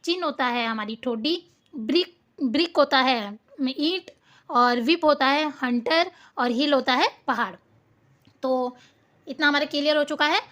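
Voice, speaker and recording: High-voiced woman teacher reading slowly. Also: a bit bright. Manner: slow, drawn-out reading of spellings, asks and answers her own questions. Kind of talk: classroom lesson explaining a worksheet.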